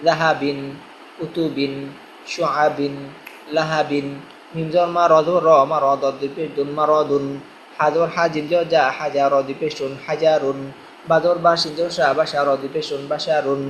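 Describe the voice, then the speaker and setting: A man teaching Quran reading, spelling syllables slowly and patiently for learners to repeat. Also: fairly high pitch, little pitch movement, slight background noise, poor audio. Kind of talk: spelling drill lesson.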